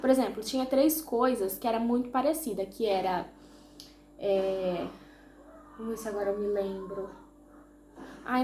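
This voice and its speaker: A woman's voice: fairly high pitch, darkish tone, reverberant, slight background noise. A Brazilian woman with a Brazilian Portuguese accent, chatting casually and self-deprecatingly to her viewers, often restarting her sentences. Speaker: vlogger. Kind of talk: casual chat to camera.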